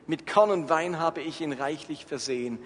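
A man's voice: on the high side, moderate pace, a little hiss or hum, lightly acted. A man voicing a shaken old father, reading his startled, dismayed lines in an echoey hall. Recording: echoey hall, faint ambience.

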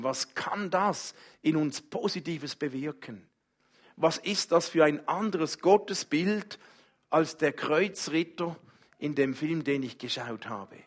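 A man preaching a sermon as pastor, speaking slowly and gently and inviting the congregation to worship. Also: fairly high pitch, slightly rough. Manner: slow, gentle, speaks softly in personal address.

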